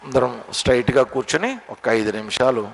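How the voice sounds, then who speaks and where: A spiritual teacher giving a religious discourse, telling stories and asking rhetorical questions. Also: male voice, medium pitch, animated, brisk, gravelly. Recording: long hall reverb.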